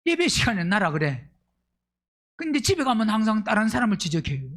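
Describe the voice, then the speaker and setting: A male pastor delivering a Sunday sermon in a high, bright voice. His pitch leaps and dips all over as he keeps throwing questions back at the congregation. He moves between forceful, emphatic outbursts and quiet, low remarks. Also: big pitch swings, fairly quick. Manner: fires rhetorical questions at the congregation; swings between loud emphatic bursts and low asides.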